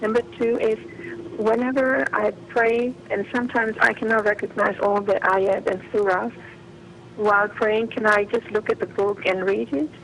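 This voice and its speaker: A woman's voice: mid-range voice, fairly even intonation, moderate pace, a bit bright. A woman calling in to a show by phone, politely and hesitantly asking her questions. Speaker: caller. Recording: caller on a phone line.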